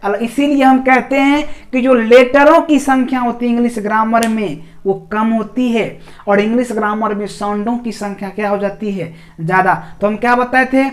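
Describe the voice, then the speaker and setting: A man's voice: very high voice, steady tone, moderate pace, few pauses. A man with a Bihari Hindi accent teaching an English grammar lesson. He keeps asking rhetorical questions, answers them himself, and repeats examples syllable by syllable. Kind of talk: classroom video lecture.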